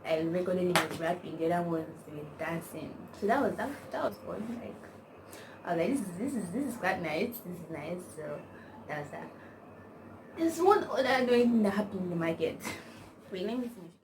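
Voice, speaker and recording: A young woman with a Nigerian accent chats to camera in an animated, fairly quick voice that sits on the low side. As a vlogger she rambles through stories, slangy and saying "like" constantly. The mic is distant and the surroundings are noisy.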